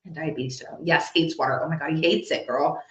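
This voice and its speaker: A woman working as a psychic medium, giving a live reading to an audience and thinking out loud as she passes on messages. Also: low-pitched, slight background noise. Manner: chatty, thinks out loud while relaying messages. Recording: echoey, slightly dull recording.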